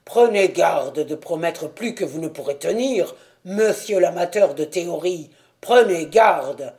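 A man's voice: on the high side, measured pace, dark tone. A man reading the part of a stout, self-assured police detective who speaks in an important, sour tone.

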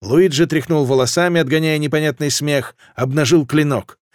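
Give me a man narrating an audiobook in a fairly high voice, recorded dry and close. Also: steady tone, normal speed, no room sound.

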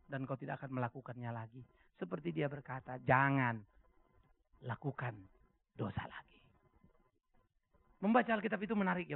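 A man preaching a sermon as pastor, animated, swinging from soft musing asides to loud emphatic shouts. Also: on the high side, vocal fry, dry recording, narrow, tinny audio.

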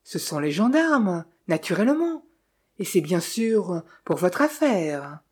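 A chatty village innkeeper who loves passing on gossip, full of sly teasing and knowing asides, as a woman reads him aloud. The voice sits mellow and a little husky. It is an audiobook character voice. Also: lowish voice, sing-song, takes it slowly, heavily acted. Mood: gossipy.

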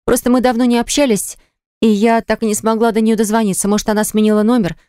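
A man's voice: high-pitched, little pitch movement, fast, a little mellow, smooth, no room sound, pitched above the performer's own voice, close to an everyday voice. Man raising his voice for a defiant young woman. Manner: raised, heated, protesting. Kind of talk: audiobook character voice. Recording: dry close studio recording.

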